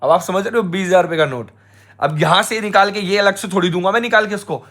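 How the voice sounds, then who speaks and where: A young man chatting to his viewers in a travel vlog, filmed on a handheld camera. His voice sits a little high for a man, and he tells the story with lively energy, turning to the viewers again and again. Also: fast talker. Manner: animated storytelling, addresses viewers as guys. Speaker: travel vlogger. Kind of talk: casual travel vlog chat.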